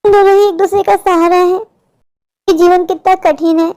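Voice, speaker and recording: A poor young woman from a cartoon, the worried older sister of the family. She talks in a very high, thin voice, pleading and worn down. Her sorrow runs through every line. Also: fairly even intonation, a little slow, mellow. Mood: despairing. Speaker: cartoon character. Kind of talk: Hindi cartoon voice acting.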